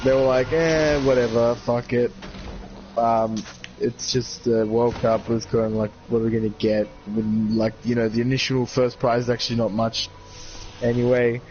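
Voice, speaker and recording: A man's voice: medium pitch, level tone, normal speed, a little mellow, faint music behind. A man co-hosting a casual gaming podcast, rambling with lots of fillers and casual swearing. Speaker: podcast co-host. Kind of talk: casual chat. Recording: muffled lo-fi recording with noise.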